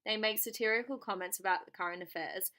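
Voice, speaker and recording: A woman's voice: medium pitch, fast, pushed and bright. A young woman giving a scripted academic presentation as a student, reading formally from a prepared text.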